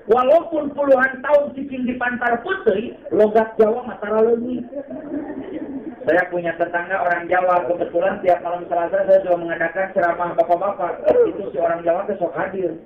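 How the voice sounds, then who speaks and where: A man with a Sundanese accent preaching a humorous sermon, jokey and swinging from low asides to high exclaimed phrases. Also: fairly even intonation, fairly quick. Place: outdoor gathering by a slope. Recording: roomy, distant, dull PA sound with crowd.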